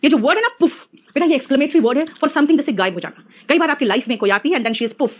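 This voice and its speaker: A woman's voice: high voice, fast talker, dull audio. A middle-aged woman teaching an English class online, teasing her students and mixing English phrases into her talk.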